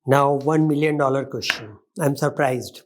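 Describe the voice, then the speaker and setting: A man with an Indian accent putting formal questions as an interview panelist, halting and often rephrasing himself. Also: mid-range voice. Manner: halting, repeats and reformulates questions.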